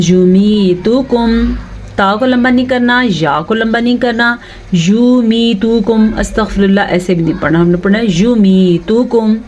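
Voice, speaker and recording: A patient woman teacher explaining recitation rules in a calm, middle-pitched voice. She slows right down to stretch each recited word carefully, then goes back to plain explanation. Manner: patient, repeats words slowly, drawn-out recitation of verses; asks the listener rhetorical check questions. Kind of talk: tajweed lesson, explaining and slowly reciting.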